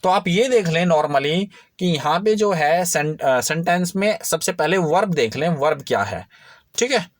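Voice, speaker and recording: A man's voice: a little high, expressive, unhurried, dry recording. A man teaching a grammar lesson, explaining patiently and often checking that the viewer follows.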